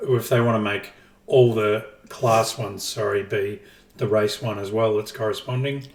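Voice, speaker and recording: A man's voice: on the low side, fairly even intonation, normal speed, gravelly. A man co-hosting a casual gaming podcast, explaining his ideas at length with dry jokes. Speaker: podcast co-host. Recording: roomy, distant from the mic.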